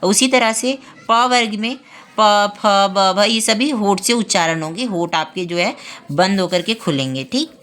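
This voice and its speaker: A woman teaching a grammar class online, explaining step by step and pausing to check the class is following. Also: medium pitch, fairly bright tone. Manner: spells out sounds slowly, one by one.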